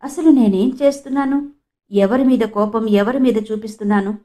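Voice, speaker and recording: A woman's voice: fairly high pitch, normal speed, dark tone. Woman narrating an emotional audiobook. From Andhra Pradesh, India. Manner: emotional, mournful storytelling. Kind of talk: first-person novel narration.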